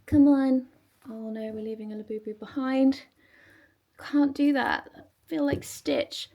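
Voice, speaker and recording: Chatty mum vlogging at home. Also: female voice, steady tone, unhurried, gravelly, warm tone, dull audio. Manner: chatty, upbeat, drops to low asides. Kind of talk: casual chat while tidying. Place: home, moving between rooms. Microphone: handheld camera.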